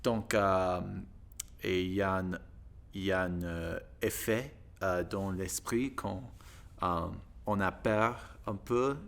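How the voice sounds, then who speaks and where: Slow, halting American man speaking broken French. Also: low-pitched. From United States. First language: English. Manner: halting broken French with searching pauses and grammar slips. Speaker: vlogger learning French. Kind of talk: casual monologue to camera in a second language.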